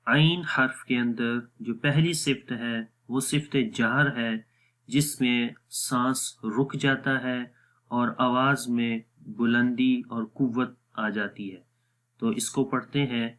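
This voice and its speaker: A young man gives a recitation lesson in an even, middle-pitched voice. He speaks very slowly and patiently. He stretches single sounds out long so a learner can copy them. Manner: drawn-out demonstrative pronunciations of letters. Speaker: Quran recitation teacher. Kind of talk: slow explanatory lesson.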